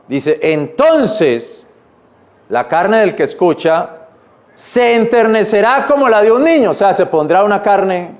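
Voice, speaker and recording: Man, church sermon, high voice, repeats phrases, slow scripture reading. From Colombia. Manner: reads scripture slowly then explains in plain, repetitive speech. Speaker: pastor.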